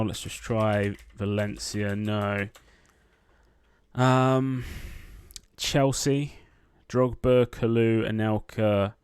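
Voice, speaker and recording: A quiz gameplay streamer with a lowish, darkish, clean voice plays an online quiz, thinking aloud and muttering names half to himself with lots of ums. The clean studio recording has no echo, with keyboard typing in the background.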